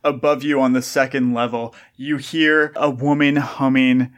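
A man narrating a tabletop game as game master, describing scenes in a measured way. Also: medium pitch, flat delivery.

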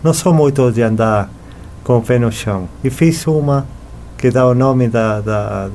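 This interview guest, a middle-aged sculptor and artist from Buenos Aires, talks conversationally in Spanish-accented speech native to Argentina. His medium-pitched voice is dark and a little slow, over slight background noise.

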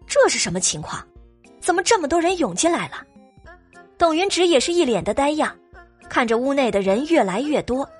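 A woman narrating an audio drama expressively. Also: high voice.

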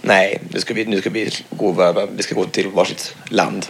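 A man with a naturally hoarse voice, co-hosting a casual podcast chat and talking freely with many fillers and repeats. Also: low voice, fairly even intonation, slight background noise. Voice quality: always hoarse. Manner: chatty, lots of filler words and repeats.

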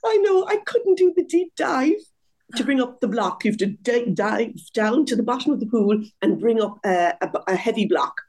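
A woman in her sixties, a guest telling her story in a lively, conversational interview, laughing often at herself. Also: fairly high pitch, normal speed. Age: 60s.

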